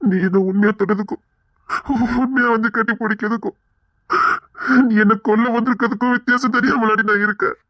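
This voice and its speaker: Man acting a loyal young lover, husky, hurt and firm, audio drama, dry dull recording. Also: high voice, no room sound. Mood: hurt reproach. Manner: slow, reproachful, then firmly reassuring.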